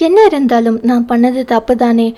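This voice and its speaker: A woman reading the part of an emotional young wife in an audio novel, quick to anger and to tears. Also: fairly high pitch, steady tone, dark tone, natural voice. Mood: tearful. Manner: pleading, sobbing tone. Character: young wife, quick-tempered, tearful and loving.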